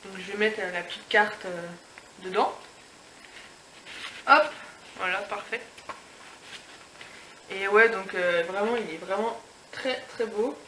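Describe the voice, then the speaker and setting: A woman's voice: medium pitch, slow, pauses often, pushed and bright. A young woman vlogger chatting casually through an unboxing review, gushing over the item, with many fillers and restarts. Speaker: beauty and lifestyle vlogger. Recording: echoey room with background noise.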